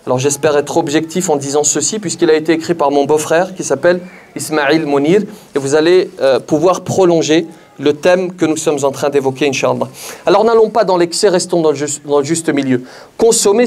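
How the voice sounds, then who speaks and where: Fairly high-voiced man giving a lecture. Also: darkish tone. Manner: addresses the audience directly, repeats key phrases for emphasis; measured, with frequent hesitations and restarts. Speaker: religious lecturer. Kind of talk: conference lecture to an audience.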